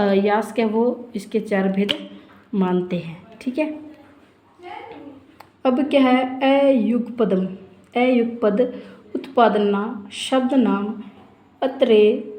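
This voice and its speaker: A woman with a fairly high, mellow voice explains points of Sanskrit grammar in a lecture for exam preparation. She keeps asking herself questions and then answering them. The room around her rings with echo. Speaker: Sanskrit teacher.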